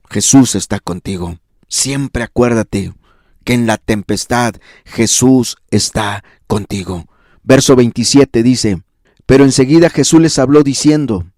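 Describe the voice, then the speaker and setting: A man preaching a fervent sermon as a pastor, repeating phrases and rising sharply in pitch for emphasis. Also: a little mellow, no echo, clean studio sound. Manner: fervent preaching with repetition and sudden pitch rises. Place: church.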